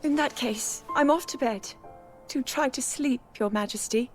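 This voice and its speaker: A woman's voice: sits high, normal speed, lightly acted. An actress playing a devoted young princess who speaks earnestly about protecting her people. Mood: subdued. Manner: earnest and determined. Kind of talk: video game cutscene acting. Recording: game cutscene with music behind.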